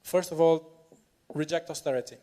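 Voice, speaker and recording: A man giving a semi-improvised conference speech, halting and repeating words, yet emphatic. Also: fairly high pitch, dark tone. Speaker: political panel speaker.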